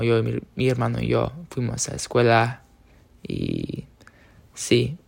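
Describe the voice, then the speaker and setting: Young guy from the us talking about himself in spanish, lots of ums, slow and gravelly. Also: medium pitch. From United States. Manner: hesitant, many fillers and self-corrections. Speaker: speaker sharing personal experience. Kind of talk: casual personal talk.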